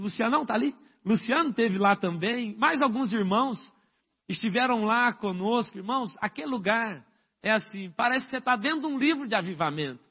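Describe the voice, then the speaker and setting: A man's voice: high-pitched, breathy edge, highs cut off. A man, a pastor, preaching a sermon and telling stories animatedly, acting out the quoted dialogue. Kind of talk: sermon storytelling.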